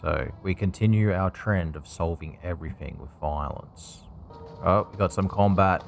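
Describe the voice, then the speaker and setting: Very low-voiced man doing casual game commentary. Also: moderate pace, gravelly. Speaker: gamer hosting a playthrough. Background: loud game music.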